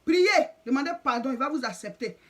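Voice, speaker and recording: High-voiced woman preaching. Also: lively intonation, a little fast. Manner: exhorting, insistent repetition. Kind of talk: sermon.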